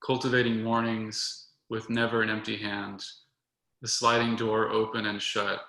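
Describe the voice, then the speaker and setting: A young adult man reading his own poems in a measured, soft-spoken way, with short talk between them. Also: fairly low pitch, completely flat delivery. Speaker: poet reading his work. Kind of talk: poetry reading. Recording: roomy echo.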